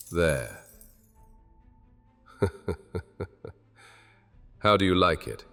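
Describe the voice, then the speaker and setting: An actor playing a proud, anxious king cursed with a golden touch, speaking in a deep, slow, stately way in an ASMR audio drama. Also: expressive, gravelly, a bit bright, long reverb tail, faint music behind, exaggerated voice. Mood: grave.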